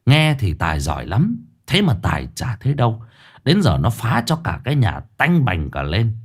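A man narrating a humorous ghost story in a brisk, lively storytelling manner. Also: lowish voice, breathy edge.

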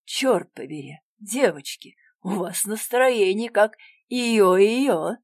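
Woman narrator voicing a loud, demanding, irritable man in an audiobook, dry recording. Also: medium pitch, animated, slow pace, dry recording. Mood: irritated. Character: pushy irritable grown man, bossy and coarse.

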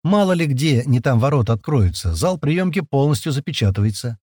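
A man voicing a brisk middle-aged technician who explains safety procedures and counts off numbers in a quick official manner. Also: medium pitch, very animated, darkish tone, no room sound, studio quality, pitched above the performer's own voice. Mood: explaining.

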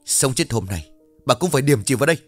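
A man's voice: medium pitch, expressive, fast talker, soft background music, close to an everyday voice. A man voicing a brutal, hot-tempered grown son who roars at his old mother. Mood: raging. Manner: roaring, scolding.

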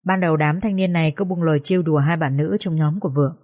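Calm schoolteacher, careful and measured, audio story, lowish voice, read by a woman narrator. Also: natural voice. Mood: recounting.

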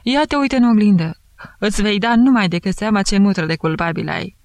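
A woman's voice: mid-range voice, darkish tone, no room sound, pitched above the performer's own voice, close to an everyday voice. A woman doing a bantering, teasing judge. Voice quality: thick voice. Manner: bantering, mocking. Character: jovial teasing male investigating judge.

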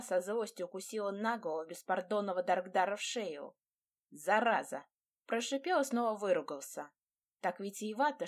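A woman's voice: medium pitch, a little mellow. A woman reading a first-person fantasy romance audiobook with dramatic expression. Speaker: audiobook narrator.

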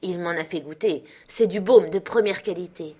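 Une lectrice qui fait parler un avocat fauché et narquois, ami de l'oncle. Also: female voice, fairly low pitch, normal speed, mellow, husky. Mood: wry. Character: sly, penniless lawyer friend, a man.

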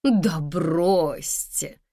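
A woman's voice: on the high side, sing-song, slow pace, no echo, studio quality, pitched above the performer's own voice. A woman voicing a confident, mocking middle-aged wife who speaks with sarcastic scorn and keeps pressing her rival. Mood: scornful.

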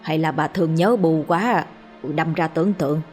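A woman's voice: low-pitched, normal speed, darkish tone, soft background music, close to an everyday voice. A woman doing an anxious village husband. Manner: anxious, pressing questions. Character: worried middle-aged village husband.

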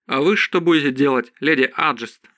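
A man's voice: a little high, normal speed, fairly bright tone, dry recording, natural voice. Man doing polite young knight, a bit raised, dry close sound.

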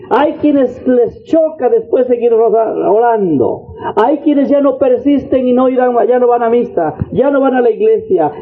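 A man preaching a sermon, exhorting his listeners and repeating phrases in rhythmic litanies. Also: sits high. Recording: tinny phone-like radio broadcast.

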